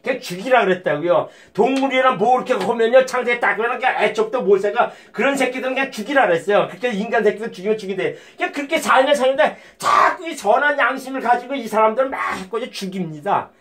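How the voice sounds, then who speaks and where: A man delivers an informal sermon in a notably high voice for a man. He talks bluntly and swears freely. His steady talk keeps breaking into sudden, emphatic outbursts. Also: quick pace, few pauses. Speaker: lay preacher.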